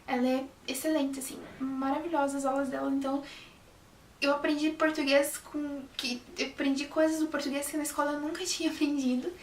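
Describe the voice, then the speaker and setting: Speaking fairly quickly in a high, level tone, a young woman who studies journalism chats to the camera. She's casual and talkative, keeps restarting what she says, and uses "sabe?" a lot. There's a little hiss or hum, a roomy echo, and the mic is a bit distant.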